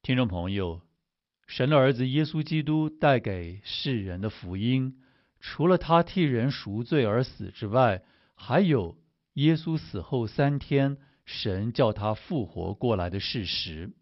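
A man giving a scripted radio introduction, addressing listeners in a measured way. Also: medium pitch, animated, dry recording. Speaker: radio announcer. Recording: dull lo-fi recording.

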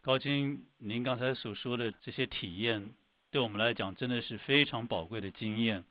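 Man, radio host, formal measured announcing, dry close sound, muffled lo-fi. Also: mid-range voice, dry recording. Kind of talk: radio program hosting.

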